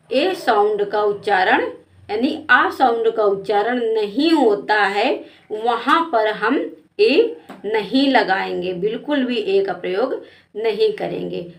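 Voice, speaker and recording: A woman teacher giving a spelling lesson to children, asking questions and spelling out letters patiently. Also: on the high side.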